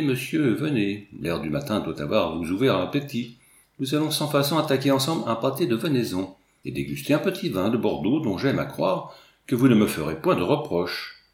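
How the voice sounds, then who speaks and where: Fussy plump little landowner read by a man, lamenting and wheedling, lively swings in pitch, echoey room. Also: close to an everyday voice. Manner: theatrical, lamenting, coaxing. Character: small fat fussy male landowner, plaintive, wheedling.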